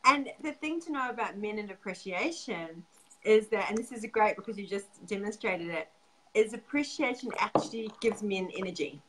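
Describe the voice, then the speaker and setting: A woman's voice: medium pitch, animated, normal speed, fairly bright tone, slight background noise, rough recording. A woman hosting a casual chat as a sex coach, laughing often and swearing casually.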